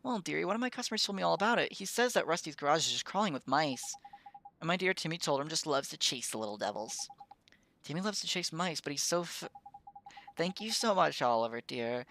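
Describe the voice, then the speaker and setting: A player voicing a fussy, doting older woman who coos softly over her cat. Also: mid-range voice, gravelly, slight background noise, pitched above the performer's own voice. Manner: doting, cooing, soft.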